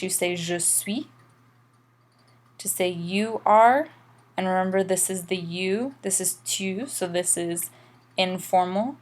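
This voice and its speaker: A woman teaching French grammar in a recorded lesson, explaining patiently and slowing down for examples. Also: on the low side.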